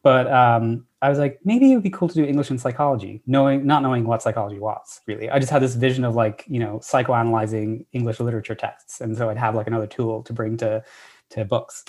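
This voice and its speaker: An Irish man in his thirties, a professor telling his story in a relaxed interview, enthusiastic and full of ums and restarts. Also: mid-range voice, quick pace. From Ireland. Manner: enthusiastic, many fillers and restarts. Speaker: assistant professor, guest.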